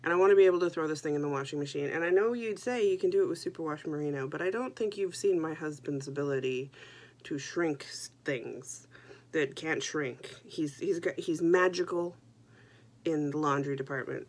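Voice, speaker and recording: A young woman hosting a knitting podcast chats casually to the camera about her knitting in a deep, slightly mellow voice, talking a little fast. She's stuffy from a head cold and keeps things chatty and self-deprecating with joking asides.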